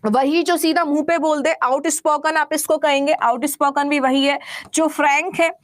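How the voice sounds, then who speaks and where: A woman's voice: high voice, steady tone, moderate pace. A woman teacher explaining vocabulary, asking questions and answering them everyday examples. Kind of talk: classroom vocabulary lesson.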